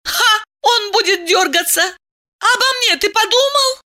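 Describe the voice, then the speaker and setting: A woman reading an audiobook voices a proud, hysterical woman who shouts in outrage. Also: animated, a little slow, full character voice. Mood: furious. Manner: shrill, indignant, shouting. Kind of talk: audiobook character voice.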